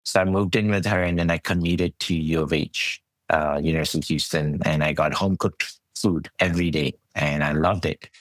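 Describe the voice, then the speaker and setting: A middle-aged man from Saudi Arabia, a podcast guest telling his story in a relaxed, conversational way with frequent restarts. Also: very deep voice, normal speed, hardly any pauses, dry recording. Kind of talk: conversational interview.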